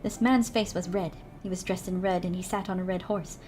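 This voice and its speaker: A woman streamer reading a fairy tale aloud gently, breaking off for chatty asides to her viewers. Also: lowish voice, steady tone, brisk, a little hiss or hum. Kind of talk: storybook narration with casual chat.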